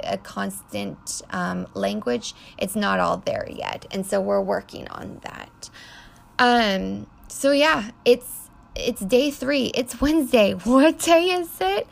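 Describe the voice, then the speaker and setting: Woman rambling on her podcast, heavy vocal fry, takes her time, lots of ums. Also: medium pitch. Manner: chatty, frequent ums, laughs at herself. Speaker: podcast host and foster mother. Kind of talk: casual podcast monologue.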